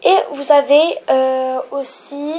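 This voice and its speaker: A young woman with a stuffy nose from a cold, explaining a craft tutorial at home with many fillers and soft, trailing phrases. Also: high-pitched, fairly even intonation, slow, low-quality recording. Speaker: polymer clay tutorial maker.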